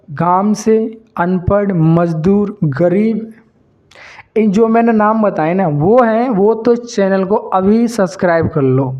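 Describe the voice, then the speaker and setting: A man's voice: high voice, dark tone, highs cut off. A man hosting his own channel, explaining business ideas to viewers in a repetitive, emphatic way and calling them brother. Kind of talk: explaining to camera, casual lecture.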